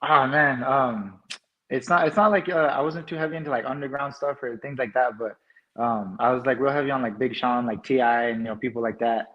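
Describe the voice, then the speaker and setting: A man's voice: medium pitch, steady tone, fairly quick, muffled recording. A man from New Mexico with an American accent, chatting casually as an interview guest in laid-back, slangy phrasing. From New Mexico, United States.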